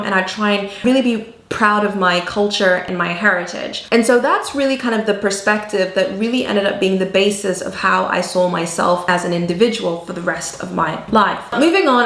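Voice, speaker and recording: A woman whose first language was not English, speaking English with an accent shaped by southern Africa and American teachers, telling a personal story in earnest, animated vlog style. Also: mid-range voice, echoey room. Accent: mixed African and American-learned English. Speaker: vlogger.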